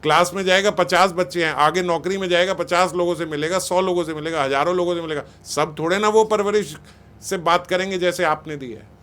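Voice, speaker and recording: A man's voice: high-pitched, steady tone, a little fast, a bit bright. A man giving a spiritual talk on raising children, conversational and scolding, often acting out what parents and teachers say. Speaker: spiritual speaker.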